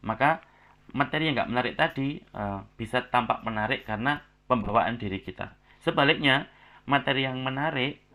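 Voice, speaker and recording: A man's voice: mid-range voice, normal speed, bright, forceful tone. A man giving feedback on student presentations in a class, with many filler sounds and phrases ending in a tag word. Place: online class recording.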